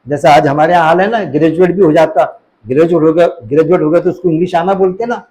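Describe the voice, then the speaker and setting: A man's voice: a little high, fairly even intonation, quick pace, mellow, poor audio. A middle-aged man giving an informal religious talk, full of rhetorical questions. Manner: conversational, rhetorical questions, mimics voices in anecdotes. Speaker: Islamic preacher.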